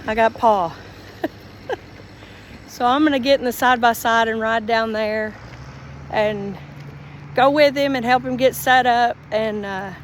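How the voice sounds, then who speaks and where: A woman's voice: on the high side, steady tone, unhurried, long pauses. A middle-aged woman filming on a handheld phone outdoors, explaining things casually in a plain-spoken, folksy way. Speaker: farm vlogger. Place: outdoors in a farmyard. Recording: outdoor handheld recording with background noise.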